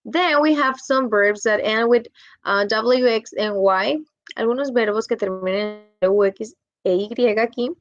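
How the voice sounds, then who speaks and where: A woman's voice: on the high side, slow pace, no room sound, highs cut off. Woman teaching English grammar patiently. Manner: patient, explains in Spanish and repeats in English. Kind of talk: bilingual grammar lesson.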